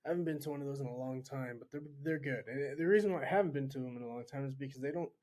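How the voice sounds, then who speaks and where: A man with a middle-pitched voice, telling stories on a podcast as a guest. He is lively and animated, and he laughs easily. His talk is relaxed and conversational. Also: rapid-fire. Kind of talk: casual chat.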